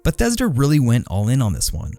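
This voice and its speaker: A man's voice: medium pitch, huge pitch swings, fast talker, warm tone, soft background music. A man giving scripted narration about gaming secrets, informative with a lightly playful touch.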